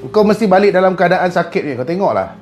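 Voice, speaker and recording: High-voiced Malaysian healer scolding a spirit. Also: male voice, animated, quick pace, a little mellow, faint music behind. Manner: scolding, coaxing and threatening in turn. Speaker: traditional healer. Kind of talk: talking to a spirit during a healing session.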